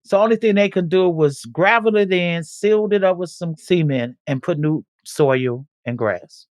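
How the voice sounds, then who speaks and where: A man's voice: high voice, moderate pace, no echo, studio quality. A man interviewed as a community organizer, recounting events in a plainspoken, earnest way.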